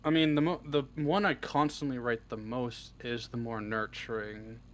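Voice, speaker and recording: Against a clearly noisy backdrop, a male audio roleplay scriptwriter responds as the guest writer in a casual interview, hesitant and thinking aloud. His medium-pitched voice is steady and fairly bright, at a normal speed.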